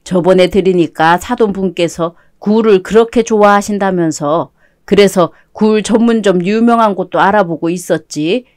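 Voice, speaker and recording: A woman voicing a gentle, mild older father who speaks low and slowly. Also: no echo, clean studio sound, lightly acted. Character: gentle older farmer father, soft-spoken.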